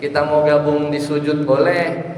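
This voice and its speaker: A man's voice: fairly high pitch, flat delivery, moderate pace, darkish tone, a little hiss or hum. A male religious teacher giving a study lecture, explaining patiently and chanting verses as examples. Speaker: ustadz teaching Islamic law. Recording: echoey hall, long reverb.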